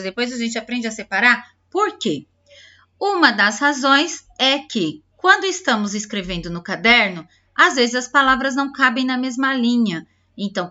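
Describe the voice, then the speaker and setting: A woman teacher patiently explaining a textbook lesson to young pupils, slowly sounding out syllables and talking directly to the children. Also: a little high, sharp tone, highs cut off. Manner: spells out syllables slowly, clapping out words. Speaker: primary school teacher.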